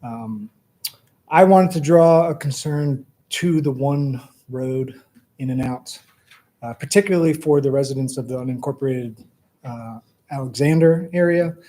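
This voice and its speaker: A man speaking as a resident at a planning meeting, giving hesitant public comment in a halting way. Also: mid-range voice, warm tone.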